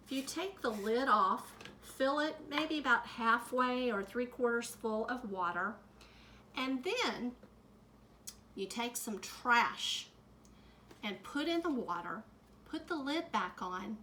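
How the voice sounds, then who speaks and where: A woman teacher in middle age reads a picture book aloud to young children. Her voice sits a little high and sounds bright, and she takes her time over every line. She stops now and then to talk gently to her listeners. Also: a little hiss or hum. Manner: slow, gentle storytime delivery with added comments to kids.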